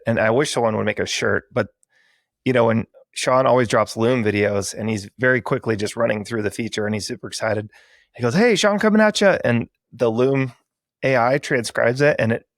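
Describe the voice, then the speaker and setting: A man's voice: medium pitch, no echo. Enthusiastic male podcast host, dry sound. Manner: enthusiastic, effusive, chatty. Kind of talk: casual conversational interview.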